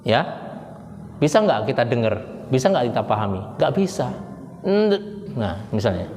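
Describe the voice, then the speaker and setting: A male preacher giving a conversational religious lecture to a congregation, quizzing listeners with quick questions and jumping up in pitch for emphasis. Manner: animated, with sudden rises in pitch for emphasis. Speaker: Islamic preacher. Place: hall with a congregation. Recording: reverberant hall, faint background noise.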